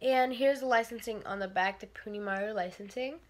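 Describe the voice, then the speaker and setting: Speaking briskly at a medium pitch, a congested teenage girl chats through a casual toy review vlog from her bedroom. She rambles with plenty of fillers while a slight background noise lingers.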